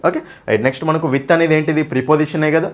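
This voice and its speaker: A man teaches an exam-prep English grammar lesson at a racing pace, in a slightly high, steady voice. He poses questions and answers them himself, often tossing in "okay?" and "right?", and fondly calls his students "nanna".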